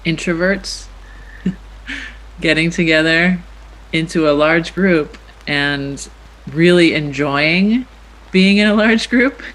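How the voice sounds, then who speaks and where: A woman, an artist and producer, giving thoughtful, measured answers in an interview. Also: sits low, fairly bright tone, poor audio.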